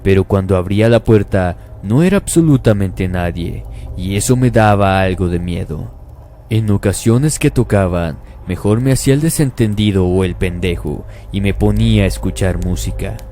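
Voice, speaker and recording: A man narrating a first-person horror story at a slow, calm pace. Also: deep voice, slight background noise.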